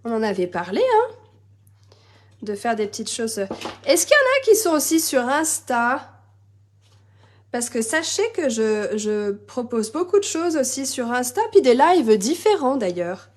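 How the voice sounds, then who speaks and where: A woman's voice: a little high, big pitch swings, a little slow. A woman hosting a live crafting tutorial, chatty and bubbly, answering viewer comments as she works. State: slightly losing her voice, coughing. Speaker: crafting demonstrator and live-stream host.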